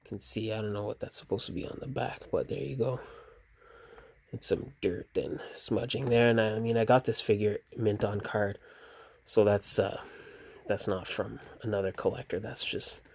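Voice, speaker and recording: A relaxed man talks through his toy figures in a rambling, casual way, his voice sitting a little low. He sounds sleepy and stops and restarts often. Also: normal speed, vocal fry, slight background noise. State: sleepy, yawning. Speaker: toy collector reviewing action figures.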